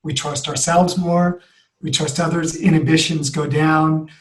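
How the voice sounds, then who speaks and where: A man speaking in an earnest, expansive way, stacking example on example as a podcast guest. His voice sits a little higher than most men's. A roomy echo hangs around every word. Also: level tone, measured pace. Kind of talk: reflective conversation.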